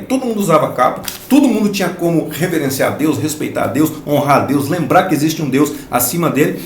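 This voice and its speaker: A man's voice: a little high, roomy sound, a little hiss or hum. A man from Brazil teaching a Sunday school Bible lesson, explaining each point emphatically and repeating phrases for stress.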